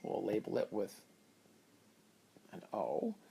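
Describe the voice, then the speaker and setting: A man's voice: on the low side, huge pitch swings, takes it slowly, vocal fry, dark tone, husky. A man teaching a reading lesson, patiently explaining step by step how to split words into syllables. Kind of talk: phonics lesson at a whiteboard.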